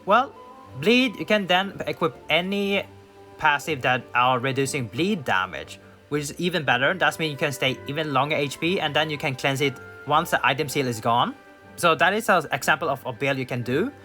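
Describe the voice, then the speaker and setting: Gaming commentator, male, higher voice, casual and thinking aloud, faint music bed. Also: animated, normal speed, sharp tone. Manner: thinks aloud with fillers and restarts. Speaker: gaming YouTuber. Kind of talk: casual tier list commentary.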